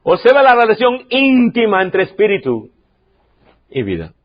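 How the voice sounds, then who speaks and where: A man preaching a sermon as pastor, emphatic, repeating key lines and swinging from loud to quiet. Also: high voice, huge pitch swings, moderate pace, highs cut off. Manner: emphatic preaching, repeats key phrases, varies loudness sharply.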